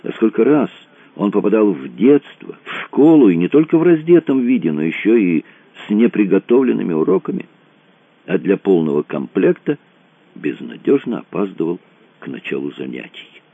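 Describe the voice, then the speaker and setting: A man narrating an audiobook in an expressive reading style, in a tinny, dry recording. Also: sits low, normal speed, creaky, no echo. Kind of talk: scripted narration. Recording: tinny phone-like dry sound.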